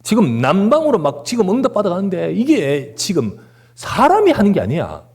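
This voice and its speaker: A man delivers an emphatic Sunday sermon in a church sanctuary. His voice is warm and a little breathy, and his pitch leaps and falls with great animation. He presses his points with rhetorical questions and repeated words. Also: wildly swooping pitch, moderate pace. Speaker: pastor.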